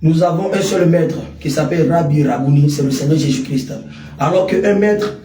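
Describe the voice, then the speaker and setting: A man's voice: a little high, normal speed, dark tone, slight background noise. A man preaching on a local radio station, declamatory, punctuating his teaching with alleluia. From Côte d'Ivoire. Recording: echoey room, voice a bit far from the mic.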